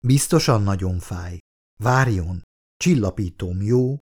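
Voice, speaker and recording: A man voicing a calm, coolly polite male android in an audiobook, speaking softly and clinically. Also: fairly low pitch. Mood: soothing. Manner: soft, smooth, clinical.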